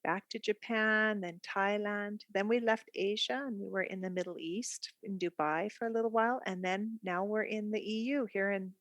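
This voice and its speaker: A middle-aged Canadian woman with a Canadian accent appears as a guest art therapist on a podcast, talking openly and reflectively, chatting freely and laughing easily. Her mid-range voice is steady and a bit bright, at a moderate pace with hardly any pauses, recorded with no echo.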